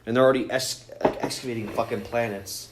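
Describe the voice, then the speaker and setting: Fast-talking, with medium pitch and fairly even intonation, this male podcast co-host banters casually about movies. His film-fan chat is combative and full of swearing, captured in an echoey space where background noise is plainly audible.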